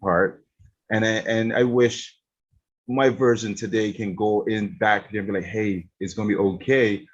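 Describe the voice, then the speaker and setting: A man's voice: on the low side, steady tone, moderate pace, breathy edge, dull audio. A man from Barbados, a gaming streamer, chatting casually in an interview, laid-back and laughing often. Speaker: streamer guest.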